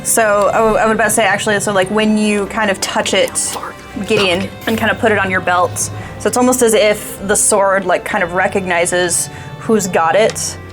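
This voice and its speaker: A woman's voice: medium pitch, steady tone, moderate pace. A woman narrating a tabletop game as the game master, describing scenes and rulings to players. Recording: soft music behind.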